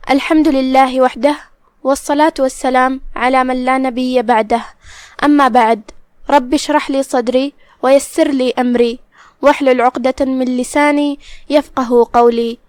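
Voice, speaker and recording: A woman with a bright, high voice leads a Quran recitation lesson. Her voice sounds dry and close, with no room around it. She draws out each verse slowly, then goes through the pronunciation rules in a calm, steady way. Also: smooth, dry recording. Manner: slow measured recitation between plain explanations. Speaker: Quran teacher. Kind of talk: tajweed lesson.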